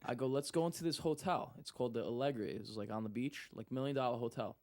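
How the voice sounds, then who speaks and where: A man's voice: medium pitch, quick pace. A young man telling a story in casual talk, acting out what people said. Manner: animated, acts out quotes. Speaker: guest.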